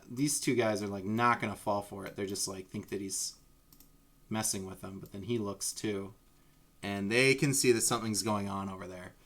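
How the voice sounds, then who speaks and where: A man's voice: on the low side, a bit bright. A man running a live tabletop game as dungeon master, talking casually and rambling through restarts and fillers.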